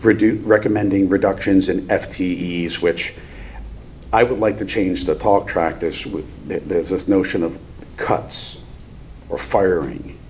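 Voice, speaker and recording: Low, mellow man at a board meeting. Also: measured pace. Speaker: board of finance member. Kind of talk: measured meeting remarks. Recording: faint background noise.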